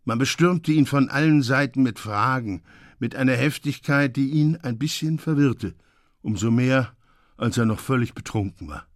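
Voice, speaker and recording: A man narrating a classic short story as a radio reading, with lively, expressive delivery. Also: mid-range voice, normal speed, dry recording, studio quality.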